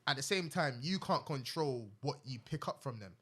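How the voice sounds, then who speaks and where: Young man, podcast co-host, casual slangy chat, mid-pitched voice. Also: expressive, normal speed, a bit bright. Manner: slangy, repeats "bro" and "you get what I'm saying".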